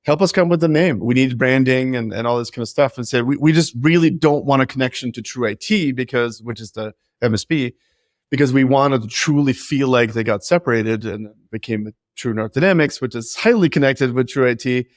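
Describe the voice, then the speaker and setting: A Norwegian-raised business founder in his forties appears as a guest in a casual interview, talking frankly and joking at his own expense. He speaks briskly in a mid-range voice, and the studio recording is clean with no echo.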